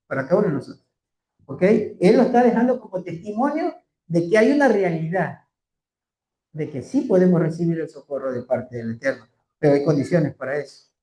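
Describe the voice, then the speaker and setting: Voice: medium pitch, warm tone. A Torah teacher leading a scripture class, often putting questions to the listeners and stretching out key phrases. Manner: asks the class rhetorical questions; slow, drawn-out emphasis on key phrases. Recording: roomy echo.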